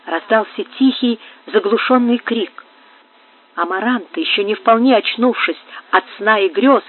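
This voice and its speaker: Woman narrating an audiobook, tinny sound. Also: a little high. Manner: dramatic storytelling. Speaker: audiobook reader. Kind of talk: audiobook narration of a period novel.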